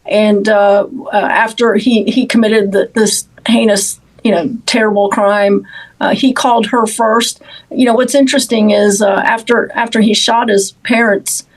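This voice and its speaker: A woman in law enforcement answers interview questions about an investigation, speaking in a measured, halting way and repeating words. Her voice is medium-pitched and flat, and the recording is low quality.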